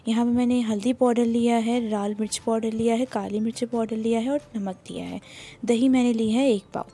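Her voice is fairly high, mellow and husky, with fairly even intonation and a brisk pace. This Pakistani Urdu-accented cooking channel host prepares a home recipe in her kitchen, plainly narrating each step while she works.

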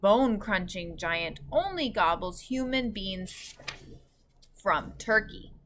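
A woman's voice: medium pitch, wildly swooping pitch, takes it slowly, fairly bright tone, slight background noise, exaggerated voice. A woman voicing a huge, boastful man-eating giant from a children's storybook, with emphatic, ungrammatical speech. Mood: relishing. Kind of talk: children's storybook read-aloud.

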